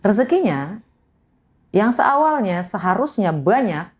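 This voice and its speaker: A woman's voice: medium pitch, a little slow. A woman talking in a casual podcast chat, telling stories emphatically and pressing her points. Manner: emphatic, animated storyteller, calls the listener "Mas". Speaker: podcast guest.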